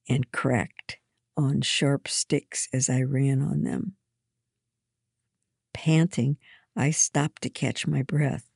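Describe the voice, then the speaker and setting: Woman, unhurried storybook narration, gentle, measured, fry in the voice. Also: a bass voice, dry recording, studio quality. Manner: gentle, measured first-person reading. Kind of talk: storybook reading.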